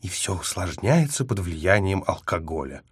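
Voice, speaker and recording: A man's voice: deep voice, big pitch swings, normal speed, husky, no echo, clean studio sound, full character voice. A man voicing a fiery, capricious young woman. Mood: scolding. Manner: teasing, mood swings from scolding to tender. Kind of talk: audiobook character voice.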